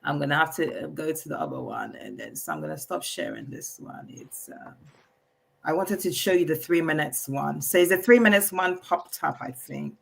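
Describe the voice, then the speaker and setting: A woman coaching entrepreneurs on AI over a video call, talking in a halting way with many fillers and restarts. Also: low-pitched, big pitch swings, creaky, husky.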